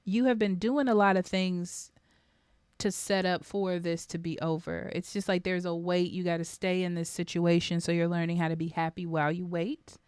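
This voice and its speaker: A woman's voice: lowish voice, little pitch movement, moderate pace, a little mellow, smooth, dry recording, studio quality. A woman reading tarot cards for her viewers, talking straight to them in a reflective way with frequent ums. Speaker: tarot reader. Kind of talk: casual tarot reading to camera.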